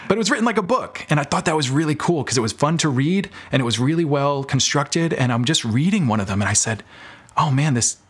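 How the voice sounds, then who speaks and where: An American audio drama producer, appearing as a podcast guest, chats casually in an interview and tells stories about his creative work. His voice is on the high side and breathy-edged, fast, with lively intonation.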